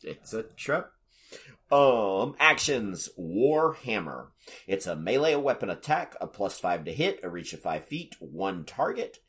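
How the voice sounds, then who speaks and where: A man with a lowish, bright voice reads tabletop monster rules aloud in a lively, swinging way. He chats casually with friends between the numbers, as on a relaxed podcast. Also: a little slow. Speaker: podcast co-host reading monster stats. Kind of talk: casual chat.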